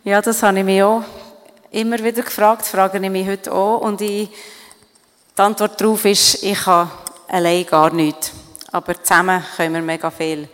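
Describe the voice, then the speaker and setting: A woman's voice: medium pitch, fairly even intonation, moderate pace, in a large hall. A middle-aged woman with a Swiss German accent, speaking earnestly and reflectively as a guest on stage, with many fillers and restarts. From Switzerland. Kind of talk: interview on stage at an event.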